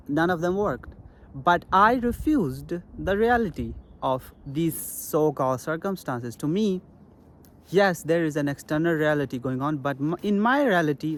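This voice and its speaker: A man's voice: on the high side, a little hiss or hum. A young man from Pakistan talking earnestly to camera in a casual vlog, repeating his key points. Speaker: self-help vlogger.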